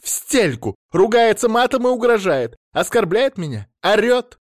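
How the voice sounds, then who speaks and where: A man voicing an agitated woman phoning the police, talking fast and pleading, then furious. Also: a little high, animated, no room sound, studio quality, pitched above the performer's own voice, natural voice. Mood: furious, shrill. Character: agitated middle-aged woman caller, shrill and indignant.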